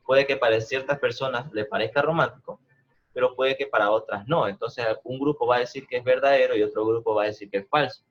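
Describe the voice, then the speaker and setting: A man's voice: medium pitch, muffled recording. A man, teaching an online math class, explaining patiently and often asking whether the students follow. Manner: explains patiently, checks understanding with frequent "¿no?" and "¿verdad?". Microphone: video call.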